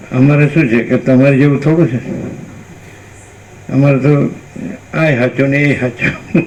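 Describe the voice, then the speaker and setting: A man teaching in a spiritual discourse, with a gravelly, creaky voice at a middle pitch. He talks unhurriedly, circling back over phrases and often stopping to ask his listeners rhetorical questions. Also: rough recording.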